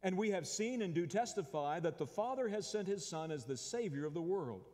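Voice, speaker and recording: A pastor with an Oklahoma American accent delivering a folksy, conversational sermon with call-and-response. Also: male voice, high voice, lively intonation, a little fast, a little mellow. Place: large church sanctuary. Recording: long church-hall reverb.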